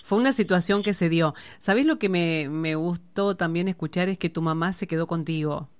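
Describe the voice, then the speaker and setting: Smooth-voiced woman interviewer. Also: lowish voice, moderate pace. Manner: soft-spoken, asks gentle follow-up questions. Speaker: host. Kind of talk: conversational interview.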